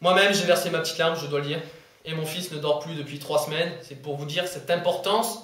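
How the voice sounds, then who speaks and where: A man's voice: fairly high pitch, fairly even intonation, fairly quick, fairly bright tone, lightly acted. A man playing a self-important TV news anchor in a comedy sketch, who stumbles over words and corrects himself. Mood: pompous. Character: pompous bumbling male TV news anchor. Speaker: news presenter. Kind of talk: amateur comedy sketch acting. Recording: echoey room.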